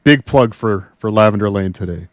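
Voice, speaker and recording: A man's voice: on the low side, normal speed, dry recording, clean studio sound. A man from Minnesota hosting an interview, wrapping up in an easygoing, joking way. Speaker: show host. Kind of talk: casual interview chat.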